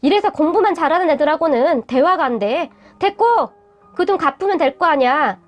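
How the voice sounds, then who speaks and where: A woman's voice: high-pitched, animated, brisk, faint music behind. A woman voicing a blunt, defensive young adult boyfriend who talks curtly and dismissively. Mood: annoyed. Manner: curt, irritable, dismissive.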